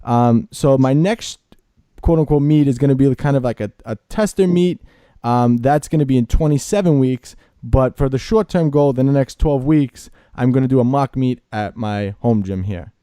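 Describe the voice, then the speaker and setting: A podcast host in his late twenties speaks in a relaxed, matter-of-fact way. His voice is deeply mellow and dark. The sound is dry with no room echo. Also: normal speed, clear, resonant tone. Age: late 20s. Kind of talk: casual podcast interview.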